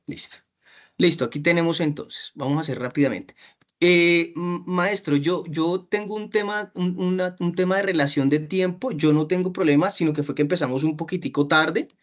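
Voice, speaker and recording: A man with a Colombian accent teaching an exam-prep class, asking questions, stretching out key phrases and often checking "¿sí?". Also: on the high side. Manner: slows down to stress key phrases.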